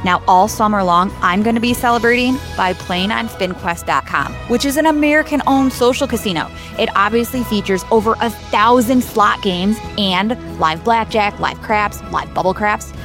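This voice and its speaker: A woman's voice: moderate pace, hardly any pauses, music in the background. Woman doing an upbeat ad read. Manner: enthusiastic sales pitch. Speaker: ad presenter.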